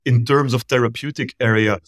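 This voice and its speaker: Speaking in a steady, medium-pitched voice, this middle-aged startup founder and CEO from Belgium lays out his business in measured detail as a guest on a remote podcast. The recording is dry, with clean studio sound.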